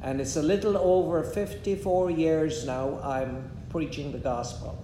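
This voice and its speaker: A man, preaching in short measured phrases and pausing after each one for an interpreter. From Guyana. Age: 70s. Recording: echoey room with a faint rumble.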